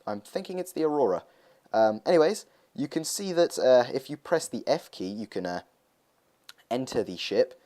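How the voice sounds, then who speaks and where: A man's voice: mid-range voice, lively intonation, moderate pace, dark tone. A young man talking casually over gameplay footage, rambling with lots of hesitations as he hosts his gaming video.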